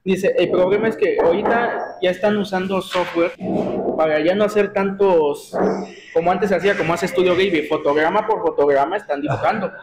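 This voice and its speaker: Mexican dude explaining stuff, pretty high voice, lots of crowd noise behind. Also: male voice, steady tone, a little fast, low-quality recording. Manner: explanatory, thoughtful. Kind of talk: casual chat.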